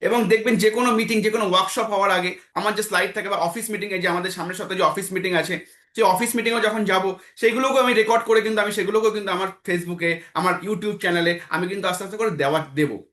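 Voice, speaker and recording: Bright-voiced man coaching a meeting. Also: sits high, quick pace, echoey room. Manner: exhorting, repeats phrases, asks himself questions then answers. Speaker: trainer leading an online team meeting. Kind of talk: motivational training talk.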